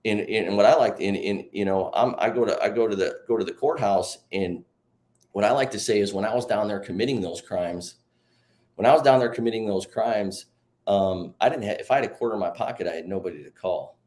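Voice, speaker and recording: A man with a fairly low voice recounts his own life story on a faith talk show. He talks loosely and earnestly, circling back and restarting his sentences. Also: a little fast, a little mellow. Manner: rambling, many restarts and "you know"s. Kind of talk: emotional testimony in a faith interview.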